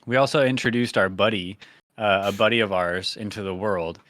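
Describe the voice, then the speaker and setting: A man hosting a podcast in casual chat, rambling with lots of fillers and getting animated when he tells a story. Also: on the low side, fairly quick, no room sound, studio quality. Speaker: podcast host.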